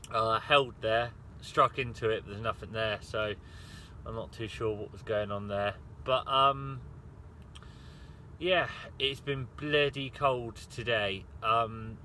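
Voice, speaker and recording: A British man chatting casually to camera in a rambling, understated way, outdoors while fishing. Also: medium pitch. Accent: British English. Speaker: angler filming a fishing vlog. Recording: noisy outdoor recording with steady ambience.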